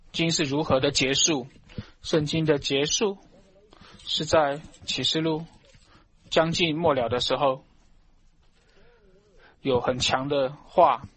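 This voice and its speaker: A man delivers a sermon with slow, deliberate pacing. His voice sits a little higher than most men's. He presses each phrase with fervent emphasis, building into loud exclamations of praise. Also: breathy edge, no echo. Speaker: preacher.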